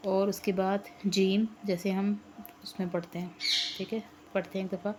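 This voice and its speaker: A woman, giving a patient online Quran lesson and repeating each letter slowly. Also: medium pitch, level tone, noisy background. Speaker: Quran teacher.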